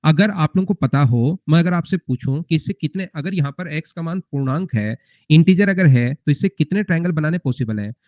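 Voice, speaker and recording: A young male math teacher lecturing in a somewhat high, mellow voice, coaxing and repetitive, forever asking his students whether they remember. The sound is muffled and lo-fi, close and dry with no room echo. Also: expressive, a little fast. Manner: repetitive, coaxing, quizzing students with rhetorical questions. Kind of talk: live class lecture. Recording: muffled lo-fi recording.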